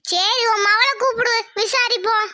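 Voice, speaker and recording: A woman voicing a squeaky stern village headwoman. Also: moderate pace, bright, forceful tone. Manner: commanding, scolding, reassuring. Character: stern but kindly village headwoman, middle-aged woman. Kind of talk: cartoon comedy voice acting.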